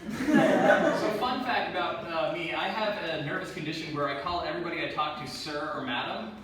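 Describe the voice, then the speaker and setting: A young man telling stories in a first stand-up set, with playful voiced asides, recorded live before an audience. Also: on the high side. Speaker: stand-up comedian. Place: live comedy venue with audience. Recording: distant roomy live recording, audience noise.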